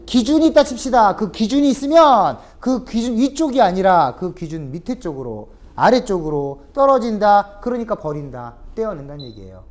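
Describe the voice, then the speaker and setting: A woman's voice: medium pitch, moderate pace, few pauses. A woman lecturing on English vocabulary in Korean, teaching with rhetorical questions and repeated drills. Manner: lively, animated teaching with rhetorical questions and repetition. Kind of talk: recorded online lecture.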